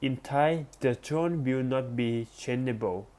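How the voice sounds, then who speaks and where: A man reading an academic text aloud as a lesson, careful and deliberate, with small restarts. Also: mid-range voice, a little mellow. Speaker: presenter.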